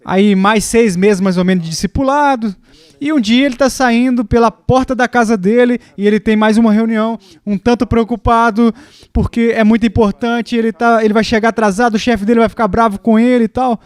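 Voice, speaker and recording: A man's voice: steady tone, a little fast, clean tone, dry recording. A man preaching a sermon, telling stories and acting out what people say. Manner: storytelling with acted quotes, rising pitch in the quoted lines.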